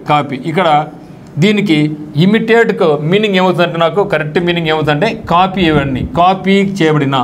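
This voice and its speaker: This is a man teaching an exam-prep vocabulary class. His voice sits high, and he keeps asking rhetorical questions and slipping into casual local speech. A faint background hiss runs under the whole recording. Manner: explains English words in Telugu with colloquial asides and rhetorical questions.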